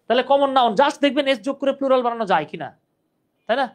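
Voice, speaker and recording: A man's voice: very high voice, expressive, fast talker. A young man teaching English grammar in a live online class, patiently explaining rules and reading out viewers' comments.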